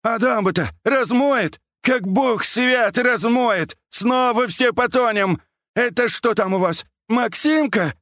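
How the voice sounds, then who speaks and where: This is a shrill, hollering old watchman from an audiobook, played by a man. He wails and fusses in a high, lively voice, close and dry. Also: unhurried, no echo. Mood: panicked. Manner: wailing, shouting, fussing. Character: old male dam watchman, frantic war veteran.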